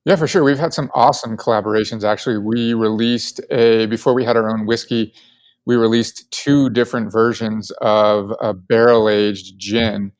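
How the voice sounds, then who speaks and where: The guest co-founder, a man from Colorado, answers questions in a casual podcast interview with enthusiasm and plenty of filler words. His voice is on the low side, with fairly even intonation and a moderate pace.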